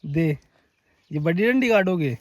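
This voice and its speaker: Hoarse man vlogging outdoors. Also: fairly high pitch, animated, a little slow, no room sound. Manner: chatty, keeps calling viewers "brother". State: hoarse, sore throat. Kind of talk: casual outdoor vlog narration. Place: outdoors on sand dunes and a forested hill.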